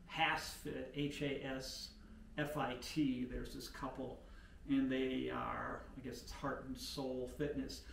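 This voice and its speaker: An older man with a gravelly, mid-range voice vlogs a home workout, chatting casually and rambling as he moves and exercises, thinking aloud with lots of fillers. He is in a room of an older mountain home. The camera sits back from him, giving roomy home audio with a faint hiss.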